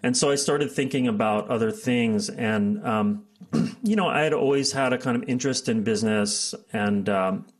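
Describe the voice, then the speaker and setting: A middle-aged American man tells his career story as an interview guest. His mid-range voice moves at a moderate pace, rambling with many fillers and restarts, and he laughs often.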